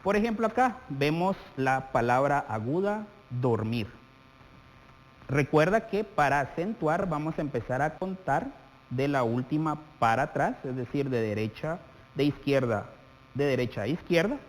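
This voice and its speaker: A man from Guatemala teaching a televised classroom lesson, speaking straight to the viewer and drawing out example words slowly. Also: a little high, expressive. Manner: addresses the viewer directly, stretches out example words while dictating. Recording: TV studio audio with long reverb and faint hum.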